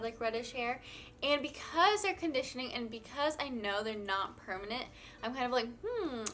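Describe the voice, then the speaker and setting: A beauty vlogger in her twenties chats casually to the camera, her fairly high voice pushed and bright. She's bubbly and out of breath, sprinkling "like" all through her talk.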